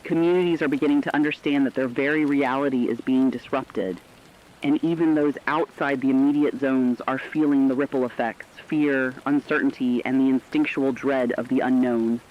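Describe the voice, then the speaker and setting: Playing a formal news anchor in a scripted emergency radio drama, a man gives solemn, urgent warnings with emphasis. He speaks at a moderate pace in a steady, mid-range voice close to everyday speech, and the audio sounds like dull lo-fi radio with rain in the background.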